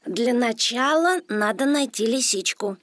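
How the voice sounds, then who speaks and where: A woman's voice: on the high side, expressive, measured pace, fairly bright tone. A woman voicing a kind, sensible young animal who is a loyal friend in a children's cartoon. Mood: concerned. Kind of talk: cartoon voice acting. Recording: music behind the voice.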